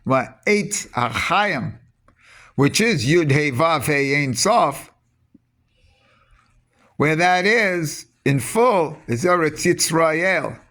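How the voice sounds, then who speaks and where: A man giving a rambling spoken teaching on mysticism, halting often with restarts and repeated words. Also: a little high, animated, fairly bright tone.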